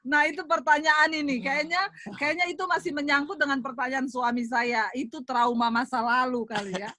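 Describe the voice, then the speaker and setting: A woman's voice: sits high, fairly even intonation, moderate pace, pushed and bright, no room sound, studio quality. A woman hosting a casual talk show, asking her guest teasing questions and laughing along. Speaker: host.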